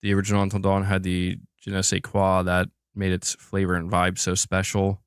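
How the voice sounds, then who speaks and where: A man with a low, clear, resonant voice speaks in a monotone at a moderate pace, recorded with clean studio sound and no echo. Hosting a gaming news livestream, he talks casually and informally, responding to chat as if chatting with viewers.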